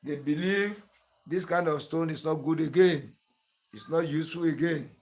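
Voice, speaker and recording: A man's voice: on the high side, moderate pace, darkish tone. A man with a Nigerian accent hosting a sharpening tutorial, talking in an earnest, repetitive, pleading way. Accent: Nigerian English. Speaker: clipper-blade sharpening tutor and channel host. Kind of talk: tutorial narration.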